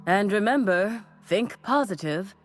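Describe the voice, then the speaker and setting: A woman voicing a devoted female cult assistant in a game, giving a chipper pitch that sags into tired resignation. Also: animated, unhurried, soft background music, natural voice. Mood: sales pitch. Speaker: voiced game character.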